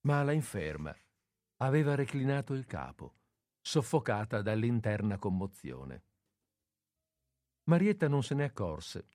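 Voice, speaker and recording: A man narrating a literary audiobook in a measured, expressive way, with pauses between phrases. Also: lowish voice, dry recording, studio quality.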